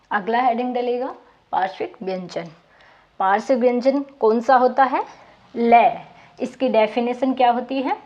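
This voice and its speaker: Slow, patient woman teaching Hindi letters. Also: fairly high pitch, a little mellow, muffled recording. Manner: slow, patient, demonstrates sounds and repeats them. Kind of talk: exam-prep lesson on Hindi consonants.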